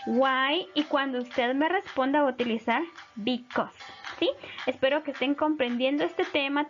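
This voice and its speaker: A woman teacher giving a recorded English lesson to children, explaining slowly and patiently and switching between Spanish and English. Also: high-pitched, dull audio.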